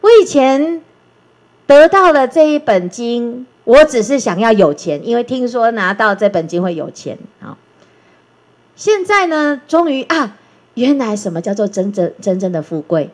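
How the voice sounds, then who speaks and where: Lively woman giving a Buddhist lecture. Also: a little high, a little slow. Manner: lively, full of rhetorical questions and acted-out dialogues; coaxing, gentle asides. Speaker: Buddhist teacher. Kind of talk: Dharma lecture.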